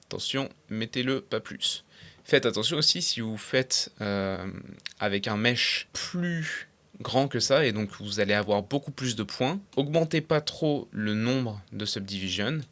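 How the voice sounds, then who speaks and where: A young man talking casually through a software tutorial step by step, with frequent fillers and English terms mixed in. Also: on the low side, animated, unhurried. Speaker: tutorial creator. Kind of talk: screen-recorded software tutorial.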